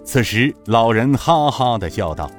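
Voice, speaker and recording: A man narrating an audiobook with an expressive storytelling delivery. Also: medium pitch, measured pace, soft background music. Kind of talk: audiobook narration of a martial-arts novel.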